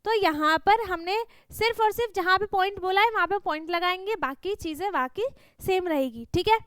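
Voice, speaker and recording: Walking kids through a maths worksheet, a female teacher speaks fairly quickly in a very high, fairly bright voice, with no room sound. She's patient, checking understanding again and again with "thik hai?" and "hai na?".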